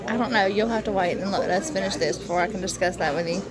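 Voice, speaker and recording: A woman's voice: medium pitch, quick pace. A woman chatting casually while she films in a restaurant. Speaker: mother filming an eating challenge. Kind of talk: casual chat. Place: indoors in a small restaurant. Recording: loud restaurant crowd noise.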